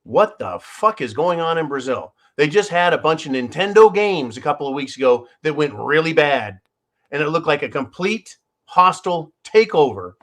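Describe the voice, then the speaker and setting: Speaking at a moderate pace, a man with a slightly high, fairly bright voice swings widely in pitch. He runs his own channel, where he gives opinionated news commentary laced with sarcasm and swearing, regularly calling listeners "folks."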